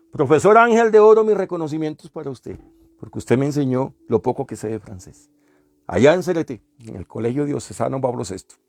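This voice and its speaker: A man's voice: medium pitch, creaky, a little mellow, no echo. A man lecturing a class, explaining step by step, repeating sounds and asking the class questions. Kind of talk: classroom lecture on language history.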